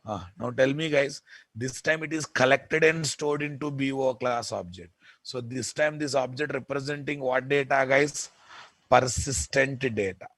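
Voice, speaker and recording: A man with a Telugu Indian accent teaching software in an informal lecture, repeating points emphatically and often checking with listeners. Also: medium pitch, measured pace, no room sound. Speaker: programming instructor.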